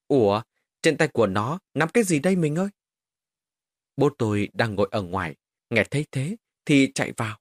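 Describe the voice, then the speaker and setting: A man's voice: medium pitch, dry recording, clean studio sound. A man telling a first-person horror story as an audiobook narrator, with dramatic, varied delivery.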